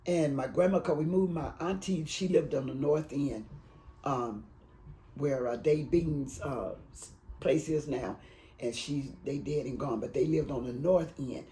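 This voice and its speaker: A woman in her eighties from Alabama, raised in Detroit, telling her life story in an oral history interview, rambling and halting with emotion. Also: low-pitched, dark tone, rough recording. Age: 80s.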